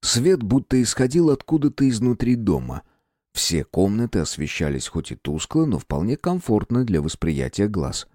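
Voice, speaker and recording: A man narrating an audiobook story in a measured storytelling manner. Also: lowish voice, sing-song, mellow, no room sound, clean studio sound. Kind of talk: scripted narration.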